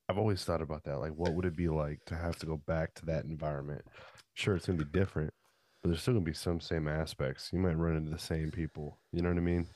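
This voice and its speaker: A man with a deep, low voice chatting casually and informally as a podcast co-host. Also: darkish tone, a little hiss or hum. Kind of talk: casual chat.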